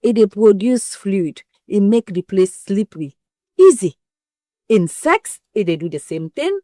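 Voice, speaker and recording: A woman's voice: medium pitch, expressive, a little slow, dark tone, no echo, studio quality. A woman with a West African Pidgin English accent explains things frankly and emphatically in an interview, using everyday comparisons. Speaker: interview guest explaining women's health.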